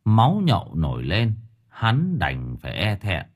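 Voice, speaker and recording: A man narrating a spooky audiobook story in an expressive, vivid way. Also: lowish voice, a little slow. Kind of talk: dramatic horror story narration.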